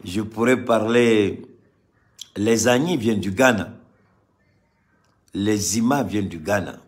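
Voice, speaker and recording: A man from Mali giving impassioned political commentary to a live audience, repeating phrases for emphasis and swinging between loud and quiet. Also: fairly low pitch, slow pace.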